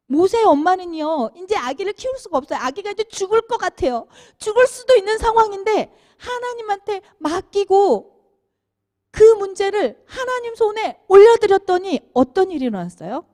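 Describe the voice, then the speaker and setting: A woman giving a children's sermon, animated and asking the kids questions as she tells the story. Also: very high voice, moderate pace. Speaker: children's minister.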